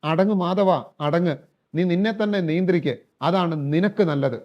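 A stern middle-aged father, put on by a man telling a story, firmly repeats the same calming phrase. His voice sits high for a man. The recording is dull and lo-fi. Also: fast, natural voice.

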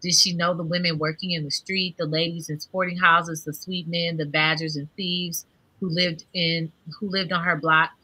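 An American woman in her thirties hosting a book club on a video call, reading aloud and explaining in a halting, thoughtful way. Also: lowish voice, flat delivery, bright, forceful tone, breathy edge, low-quality recording. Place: indoor room at home, video call. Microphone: computer mic on video call.

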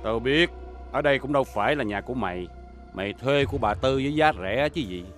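A man's voice: mid-range voice, expressive, a little fast, fairly bright tone, soft background music, close to an everyday voice. A man playing a bullying moneylender. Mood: threatening. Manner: threatening, bullying, leering. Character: menacing male moneylender threatening a poor debtor. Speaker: loan shark. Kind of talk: TV crime drama acting.

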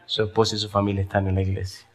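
A male pastor preaching a sermon as an animated storyteller, asking his congregation questions. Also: fairly low pitch, rapid-fire, slightly rough.

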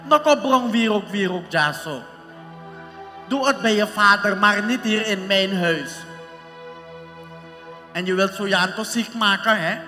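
Man doing a bossy mother-in-law, Surinamese Dutch accent, high bright voice, slow scolding, long hall reverb, music behind. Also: full character voice. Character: strict older mother-in-law, bossy and scornful. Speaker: stage actor. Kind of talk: live stage comedy. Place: large concert hall stage.

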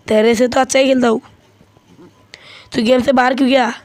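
A man's voice: very high voice, brisk. A young male gamer chatting casually and bantering with a friend while playing. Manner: bantering, excitable when in danger. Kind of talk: casual gameplay chat.

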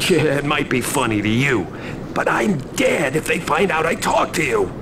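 Nervous, lively-pitched street informant. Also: male voice, noisy background. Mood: nervous, urgent. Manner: nervous, hurried, defensive. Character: nervous male street informant in fear for his life. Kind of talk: video game cutscene acting. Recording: game music behind the voice.

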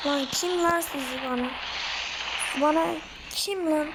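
A woman hosting a casual let's-play video with a hoarse throat, giving excitable commentary with loud sudden outbursts at the game. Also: sits high, unhurried, very noisy. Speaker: gaming video host.

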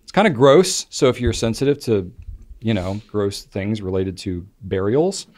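A young man co-hosting a podcast, telling stories in a lively way and acting out his own quotes. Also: lowish voice, normal speed. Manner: animated storytelling, acts out his own quotes. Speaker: podcast co-host. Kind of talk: casual podcast chat.

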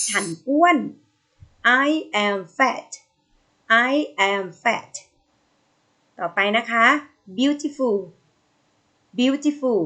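A woman with a Thai accent leads a video English lesson for young children. Her voice sits somewhat high, and she speaks very slowly, drawing out each model phrase. Her tone stays gentle and encouraging as she coaxes the pupils to repeat after her. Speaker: primary school English teacher.

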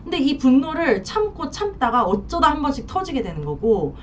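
A woman's voice: sits high, very animated, moderate pace, far from the mic, dull audio, slight background noise. A woman divorce counselor giving blunt, colloquial advice to camera, acting out what angry spouses say.

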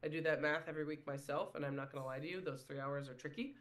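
A man's voice: on the high side, steady tone, quick pace, fairly bright tone. A man hosting a casual sports podcast, chatty and self-deprecating, often saying "if you will". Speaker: podcast host.

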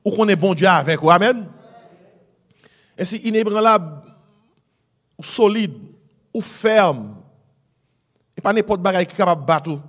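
Man preaching, Haitian Creole accent, high-pitched voice, emphatic sermon, middle-aged. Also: expressive, unhurried, long pauses, a bit bright. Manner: mixes Creole and French, emphatic exhortation with "hein?" and "amen". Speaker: pastor.

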